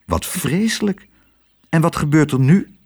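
A man's voice: on the high side, expressive, unhurried, a little mellow, breathy edge, heavily acted. A man voicing a small, earnest girl who pleads in a storybook reading. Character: small brave girl on the run.

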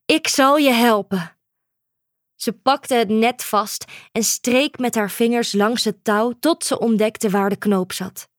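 A woman narrating a children's storybook in a calm, measured way. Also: fairly high pitch, dry recording, studio quality. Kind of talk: storybook reading.

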